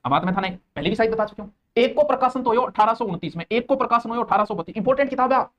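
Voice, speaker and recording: A man with a Rajasthani accent giving a live exam-coaching lecture. He jokes, answers viewer comments aloud and repeats key terms slowly so students learn them by rote. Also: very high voice, expressive, fairly bright tone, highs cut off. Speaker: teacher.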